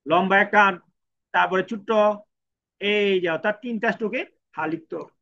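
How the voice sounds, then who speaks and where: A man from Bangladesh with a high, brisk, creaky, sharp-toned voice gives a step-by-step lesson in writing Japanese characters. He repeats each stroke and counts them out one by one. The recording is dull and lo-fi.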